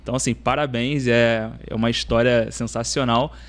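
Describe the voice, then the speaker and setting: A man hosting a podcast, asking follow-up questions and giving motivational talk with deliberate repetition. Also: medium pitch, fairly even intonation. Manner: motivational, repeats points, asks follow-up questions. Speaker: podcast host. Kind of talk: podcast interview.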